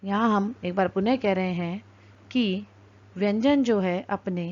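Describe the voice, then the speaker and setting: A woman teacher gives a lesson at a very slow, deliberate pace. She breaks words into single sounds and joins them back together. Her middle-pitched voice comes through a dull, lo-fi recording. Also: darkish tone. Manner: slow, careful and deliberate, spelling out sounds one by one.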